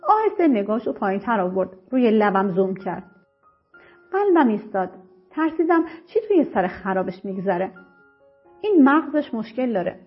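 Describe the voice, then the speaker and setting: A woman narrating a dramatic first-person story in an emotive, expressive way. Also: mid-range voice, husky. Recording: slightly muffled with soft music.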